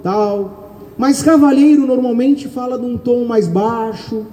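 High-voiced Brazilian preacher in echoey hall. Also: male voice, slow pace. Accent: Brazilian Portuguese. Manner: loud, calls out questions to the congregation. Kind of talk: sermon. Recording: echoey hall, long reverb.

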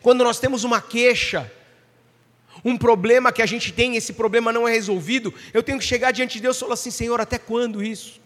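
Male preacher, high voice, emphatic sermon delivery with questions to the congregation, long hall reverb. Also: a little fast, fairly bright tone.

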